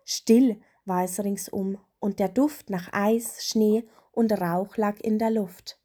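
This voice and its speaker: A woman narrating a children's story in a gentle, unhurried way. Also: mid-range voice.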